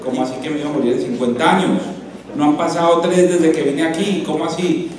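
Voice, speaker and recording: A man voicing an indignant woman who complains quickly, with the echo of a large hall heard from a distance. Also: on the high side, steady tone, crowd noise, natural voice. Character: indignant woman who has just died. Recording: echoey hall from far off.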